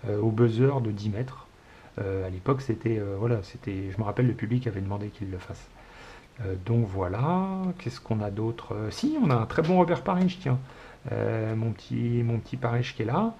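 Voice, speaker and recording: A fairly low-pitched, slightly mellow voice belongs to a man in his forties from France who hosts a casual solo chat show. He meanders with many hesitations, sounding fond and nostalgic, and the dull home recording carries a faint hiss.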